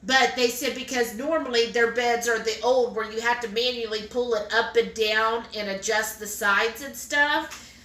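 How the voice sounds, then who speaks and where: A woman's voice: on the high side, normal speed, a bit bright, distant mic. A woman co-hosting a live stream, chatting casually and reading viewer comments aloud. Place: home kitchen. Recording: echoey room.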